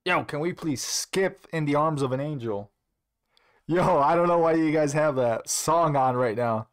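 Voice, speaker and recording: A man's voice: a little high, measured pace. A man hosting a trading-card break livestream, talking in an upbeat, joking way with casual swearing, slightly out of breath. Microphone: earpiece in, on stream.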